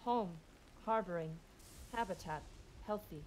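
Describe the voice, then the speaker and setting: A woman voicing a cryptic little spirit voice that speaks in halting, solemn riddles for a tabletop game. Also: mid-range voice, natural voice, poor audio. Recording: background noise, room ambience.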